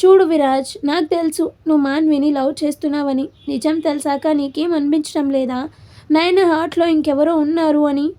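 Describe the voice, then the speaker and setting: A woman's voice: sits high, fairly even intonation, mellow, close to an everyday voice. A woman reading the lines of a hot-tempered young woman in a storybook tale. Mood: probing. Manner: fierce, quick to anger.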